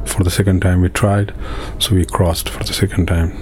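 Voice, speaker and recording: A man from Afghanistan, giving halting personal testimony in an interview, with many pauses and restarts. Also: low-pitched, little pitch movement, a little mellow, slight background noise. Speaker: interviewee, refugee in a camp.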